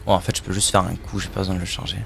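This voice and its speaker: A man's voice: low-pitched, level tone, racing, vocal fry, fairly bright tone. A man streaming a video game live, chatting casually with his viewers, joking and swearing as he plays. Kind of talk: live gameplay commentary.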